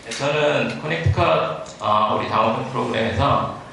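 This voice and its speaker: Man, consecutive interpreter, halting delivery, English loanwords, restarted phrases, distant mic, very echoey room. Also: mid-range voice, vocal fry, sharp tone, slight background noise. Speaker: interpreter and medical researcher. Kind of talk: consecutive interpreting at a medical lecture. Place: large echoing room at a talk.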